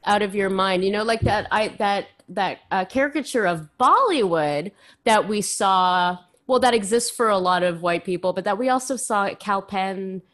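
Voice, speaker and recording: A woman's voice: mid-range voice, lively intonation, normal speed, fairly bright tone. A woman hosting a podcast, chatting casually and informally with frequent asides. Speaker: podcast host. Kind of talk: casual chat.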